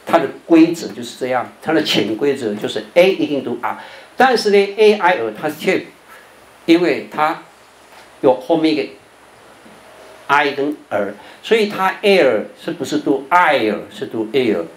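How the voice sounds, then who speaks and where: An older Buddhist monk gives a televised lecture on English pronunciation, his voice fairly high in pitch. He explains things patiently, closes many phrases with a long, drawn-out "哦," and stretches out the sounds he's demonstrating. The audio has a roomy echo and a faint hum of background noise.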